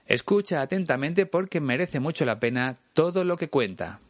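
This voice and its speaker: A man's voice: on the high side, animated, normal speed, dry recording, clean studio sound. A man from Spain with a Spain Spanish accent, teaching a language lesson and patiently explaining things straight to the listener. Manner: patient, clear and explanatory, addressing the listener directly.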